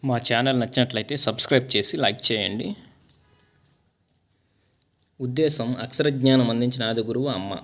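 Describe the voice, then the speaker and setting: A man teaching a school lesson, reading out its questions and answers in a steady, measured, listing way. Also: medium pitch.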